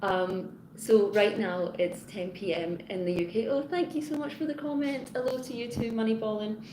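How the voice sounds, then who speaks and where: A woman's voice: mid-range voice, fairly even intonation, moderate pace. A woman hosting a casual live stream from her home and chatting with viewers. She rambles, restarts her sentences and greets commenters by name as she goes. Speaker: live-stream host, teacher. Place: her home in Hong Kong. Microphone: phone front camera. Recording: echoey room with background noise.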